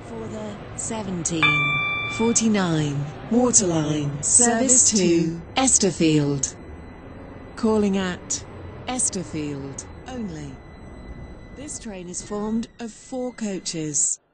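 A woman's voice giving automated platform announcements over a station public address system, reading station names in measured, evenly spaced phrases. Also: mid-range voice, lively intonation, noisy background. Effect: train station public address announcement.

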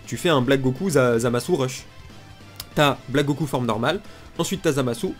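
A man's voice: medium pitch, normal speed. A man with a blocked, nasal, congested voice, giving blunt, casual, unscripted gaming commentary. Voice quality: nasal, blocked-nose sound. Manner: blunt, informal griping. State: congested from pollen allergy. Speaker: gaming video creator. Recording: music behind the voice. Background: music.

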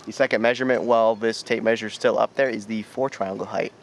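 Speaking fast in a lowish voice with fairly even intonation, a young sailing vlog co-host explains his boat's sail measurements step by step, easygoing and casual. He's outdoors in a boatyard, holding the camera close up, and faint wind noise can be heard in this how-to vlog.

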